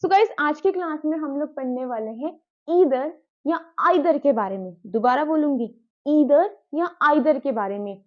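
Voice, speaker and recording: A woman's voice: sits high, measured pace. A woman teacher gives a patient spoken-lesson, repeating key words and talking straight to her students. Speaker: English teacher. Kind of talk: explanatory spoken-English lesson. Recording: tinny phone-like sound.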